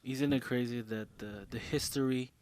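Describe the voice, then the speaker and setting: A man's voice: medium pitch, steady tone, moderate pace, darkish tone, no room sound. A man co-hosting a casual podcast chat, teasing his partner sarcastically and prodding him with questions. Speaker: podcast co-host.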